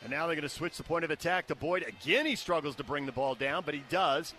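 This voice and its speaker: A man's voice: on the high side, fast, pushed and bright, faint music behind. An American man doing live play-by-play soccer commentary in short, clipped descriptions of the action, over stadium noise. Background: outdoor stadium ambience.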